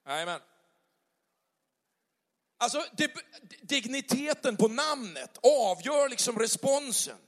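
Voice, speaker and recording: A man's voice: extremely high pitch, very animated, long pauses. A man preaching a conversational sermon, chatty and full of acted-out little dialogues. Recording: long hall reverb.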